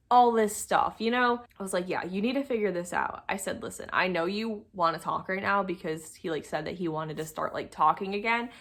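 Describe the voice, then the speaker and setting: A young adult woman who makes storytime videos chats casually through a personal story, acting out bits of past conversations and adding exasperated asides. Her voice is medium-pitched with a fairly bright tone.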